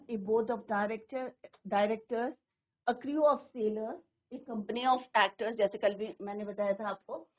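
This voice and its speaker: A woman teacher with a Hindi accent, her voice a little high, talks slowly and with care. She puts questions to the class and answers them herself. The sound comes through a thin, tinny line, as if over a phone. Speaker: English teacher. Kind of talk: classroom lesson. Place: studio.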